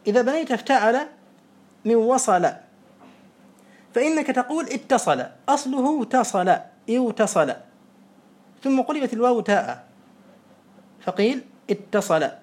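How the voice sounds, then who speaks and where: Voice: medium pitch, expressive, measured pace, pauses often, a little mellow. Patient classroom teacher, methodical, repeats examples and quizzes a pupil. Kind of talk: classroom lesson.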